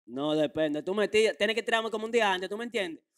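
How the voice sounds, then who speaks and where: This young adult man speaks with a Dominican Spanish accent in a high, fast, clean voice, repeating phrases for emphasis as a brash, slangy interview guest. He's in a small furnished room indoors, talking into a handheld mic the interviewer holds out.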